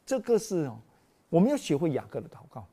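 A preacher giving an animated sermon in an exclamatory style, full of rhetorical questions put to the congregation. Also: mid-range voice, quick pace, breathy edge.

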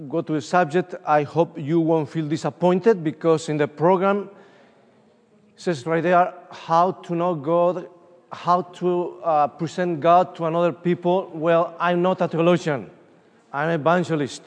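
Preaching at a conference, this middle-aged man from Uruguay shares personal stories in English with a Spanish accent, animated and full of "uh" fillers. His voice sits slightly high for a man. Recorded from afar by a room mic, he sounds distant, with the long echo of a big hall.

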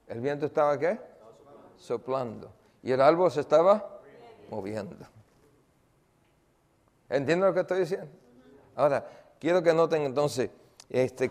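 A man's voice: a little high, a little mellow, big-room sound. A man, a pastor, preaching a conversational sermon, telling a story and asking the congregation questions, with many fillers.

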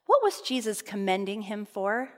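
A woman delivers a heartfelt, conversational sermon, mixing scripture with personal stories. Her voice sits at an ordinary middle pitch. A long hall reverb trails behind every phrase. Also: big pitch swings, moderate pace. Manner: earnest, personal storytelling with fillers. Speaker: speaker at a camp meeting. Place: meeting hall.

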